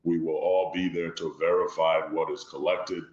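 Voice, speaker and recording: Deep-voiced man from Liberia, roomy sound. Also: flat delivery, darkish tone, muffled recording. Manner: measured, formal, repeats "long story short". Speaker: guest. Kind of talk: interview conversation.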